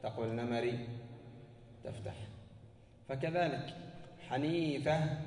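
A man's voice: mid-range voice, vocal fry, darkish tone, echoey room, in a large hall, recorded from a distance, a little hiss or hum. A man teaching a grammar lesson, asking questions and answering them himself and repeating words for emphasis. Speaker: teacher of Arabic morphology. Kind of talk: classroom lesson explaining grammar.

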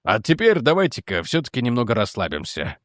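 A tired, steady general speaks in a lowered, measured voice, as a male audiobook narrator puts him on. The reading stays close and dry. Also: no room sound, close to an everyday voice. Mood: weary calm. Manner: calm, measured, low delivery. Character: weary, calm middle-aged male general.

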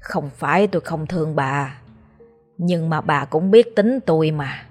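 A woman with a Southern Vietnamese accent voicing a tired, stubborn old male exorcist who talks gruffly and low-key. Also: a little slow, a little mellow, faint music behind. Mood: weary.

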